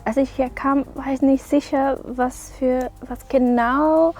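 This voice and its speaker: A woman in her thirties from Costa Rica, an assistant doctor, speaking thoughtfully in a documentary interview and pausing to find words. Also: high voice, steady tone, a little mellow, soft background music. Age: 30s.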